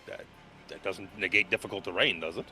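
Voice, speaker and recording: A man's voice: deep voice, a little fast, bright, forceful tone, breathy edge, soft background music. A man speaking casually as the game master of a tabletop role-playing session, explaining rules and calling turns.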